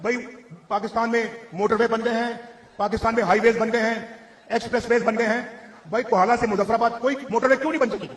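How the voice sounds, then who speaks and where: High, quick-talking man giving a speech. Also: steady tone. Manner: rhetorical, asks the crowd questions. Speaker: politician. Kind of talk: public speech.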